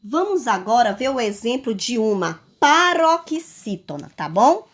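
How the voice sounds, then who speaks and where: Lively sing-song woman teacher. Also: fairly high pitch, breathy edge. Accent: Brazilian Portuguese. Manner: sing-song, drawn-out stressed words, calls pupils "my loves". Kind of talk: recorded class for children at home.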